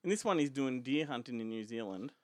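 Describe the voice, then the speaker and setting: A man's voice: mid-range voice, animated, a little fast, no room sound. An Australian man co-hosting a podcast, telling a film's story in casual chat and laughing often. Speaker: podcast co-host.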